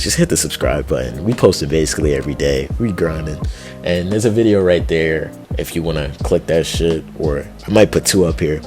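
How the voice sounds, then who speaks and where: A man's voice: sits low, warm tone. A man vlogging casual basketball commentary, rambling with plenty of fillers and slang and chuckling often. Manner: rambling, heavy on "like", quick laughs, slangy. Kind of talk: casual sports commentary vlog.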